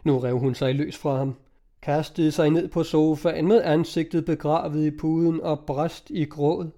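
A man reading an old-fashioned novel aloud in an even, storytelling manner. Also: fairly high pitch. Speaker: audiobook reader.

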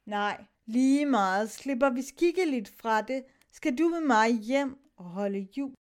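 A woman with a high-pitched voice reads a sailors' story aloud. She shifts her tone as she moves between the sailors' lines. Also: animated, clear, resonant tone. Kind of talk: dramatic reading of a sea story.

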